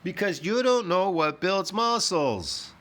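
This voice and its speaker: Speaking slowly in an animated, slightly bright voice that sits high, a fitness video host in his fifties rants in a reaction video from home. He's scornful and profane and keeps throwing in "man" and "bro."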